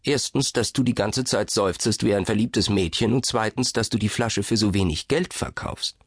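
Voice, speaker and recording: A man's voice: on the low side, moderate pace, breathy edge, no echo, clean studio sound. Man doing a wary, sceptical young man.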